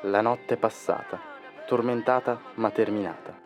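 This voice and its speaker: A man's voice: fairly low pitch, normal speed, soft background music, a faint crowd, close to an everyday voice. A man playing a hesitant car buyer who keeps getting interrupted, also narrating his own story. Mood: brooding. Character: timid male car buyer. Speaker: customer and narrator. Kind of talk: comic audio sketch.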